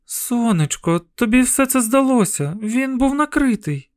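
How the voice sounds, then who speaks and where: Чоловік, що грає стривожену маму. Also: male voice, very high voice, animated, moderate pace, no echo, pitched above the performer's own voice. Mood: worried tender. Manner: tense, commanding. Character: anxious protective mother, woman. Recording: dry close studio sound.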